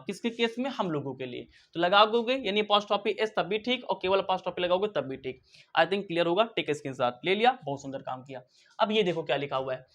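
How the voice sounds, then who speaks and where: A man's voice: high voice, fairly bright tone. Playful teacher quizzing his class. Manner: asks rhetorical questions and answers them himself; playful, teasing, calls students beta and bhai. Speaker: English grammar teacher. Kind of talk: online classroom lesson.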